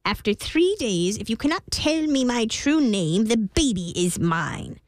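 A woman reading a storybook aloud and voicing a sly, spiteful little male imp with slow, drawn-out, mocking lines. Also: a little high, very animated, no room sound, pitched above the performer's own voice. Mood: taunting.

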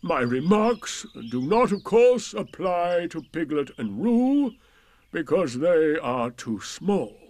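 A man voicing a gloomy, pompous old donkey in a storybook, declaiming sternly in a ponderous, drawn-out way. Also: fairly high pitch, very animated, darkish tone, voice pushed up. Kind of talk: storybook character voice.

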